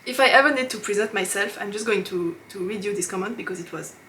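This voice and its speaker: A woman with a French accent, a knitting podcast host chatting casually, laughing often and pausing with fillers as she searches for English words. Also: mid-range voice, sharp tone, a little hiss or hum. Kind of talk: casual chat to camera.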